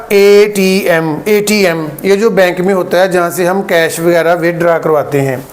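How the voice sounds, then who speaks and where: A man gives a grammar lesson in a fairly high voice. He talks slowly and deliberately, spelling out letters one at a time and pausing to check that his students keep up. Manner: deliberate, spells out letters, repeats "theek hai" to check understanding. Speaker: English teacher.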